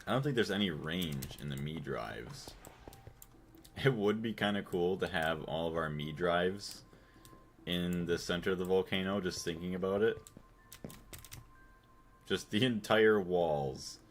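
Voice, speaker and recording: A man's voice: deep voice, measured pace, long pauses, soft background music. A man from the United States chatting casually on a gaming livestream, thinking aloud and thanking his chat. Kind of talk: casual live-stream chat while playing.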